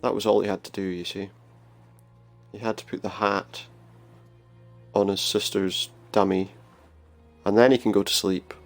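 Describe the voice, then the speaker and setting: A man's voice: lowish voice, little pitch movement, moderate pace, pauses often, soft background music. A man giving casual, wry let's play commentary, musing aloud as he goes. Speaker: game player commentator.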